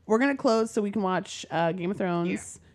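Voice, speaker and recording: A woman's voice: mid-range voice, normal speed, darkish tone. A woman co-hosting a podcast in loose, teasing chat with friends, laughing often. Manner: giggly, teasing. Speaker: podcast co-host. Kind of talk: casual chat.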